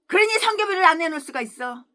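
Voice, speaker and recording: A woman pastor delivers a fiery sermon with a high, bright voice. Her pitch swings widely as she scolds, hurls crude insults and moves between quiet asides and sudden shouts. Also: animated, quick pace. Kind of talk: expository sermon.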